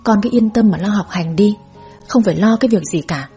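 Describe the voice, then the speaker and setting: A woman doing a gentle, soothing father. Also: medium pitch, brisk, faint music behind, lightly acted. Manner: soothing, reassuring. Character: gentle loving hard-working father, older man.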